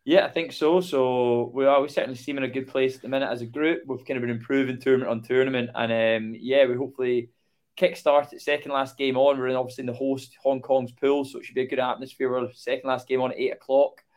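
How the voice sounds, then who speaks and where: A man's voice: mid-range voice, flat delivery, quick pace, darkish tone. A man from Ayr with a Scottish accent, answering casually as a rugby captain being interviewed. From Ayr, Scotland. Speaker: rugby sevens captain, podcast guest.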